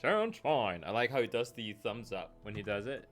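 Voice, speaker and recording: A man's voice: fairly low pitch, steady tone, a little fast. A man chatting casually on a live stream while he plays a game, joking and laughing at his own jokes and scolding his pet, with faint game music behind.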